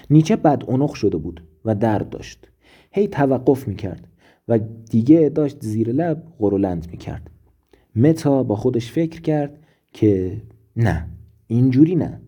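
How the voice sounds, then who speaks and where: A man narrating a scripted story in a measured, dramatic way. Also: medium pitch, warm tone, breathy edge.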